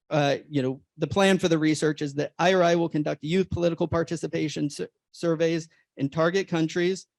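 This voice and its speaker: A man on a conference panel, reading a prepared research presentation in a formal, steady way with occasional restarts. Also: a little high, gravelly, no room sound.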